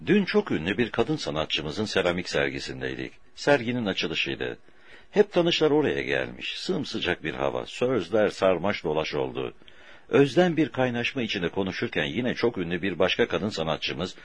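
A man reading a story aloud for an audiobook in a slow, deliberate way, with a husky voice. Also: deep voice, no room sound. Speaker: audiobook narrator.

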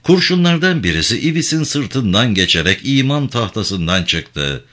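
A man narrating a novel in an expressive, dramatic audiobook reading. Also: mid-range voice, moderate pace.

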